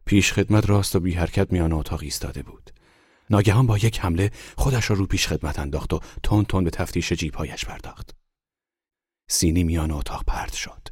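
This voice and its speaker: A man reading a literary story aloud in a hushed, unhurried storytelling manner. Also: sits low, husky, no room sound, clean studio sound. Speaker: audiobook narrator. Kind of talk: scripted literary narration.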